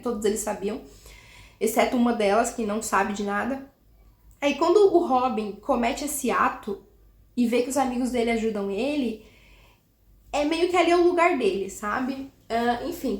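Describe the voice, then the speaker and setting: Young woman book vlogger, higher voice, chatty and animated, recorded in an echoey room. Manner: chatty, animated, many restarts and laughs. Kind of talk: casual book review chat.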